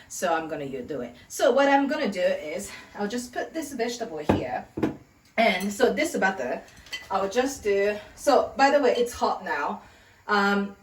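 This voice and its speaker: A woman in her thirties from Tokyo with a Japanese accent, hosting a casual cooking demo in her home kitchen, chatty and rambling and laughing often. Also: mid-range voice. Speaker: cooking video host. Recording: echoey kitchen, mic at a distance.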